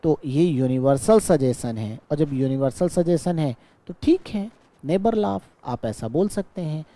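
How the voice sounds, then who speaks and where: A male teacher, patiently explaining an exam-prep grammar lesson. He keeps checking in with his class and stretches out his English example sentences very slowly. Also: on the high side, expressive, dark tone.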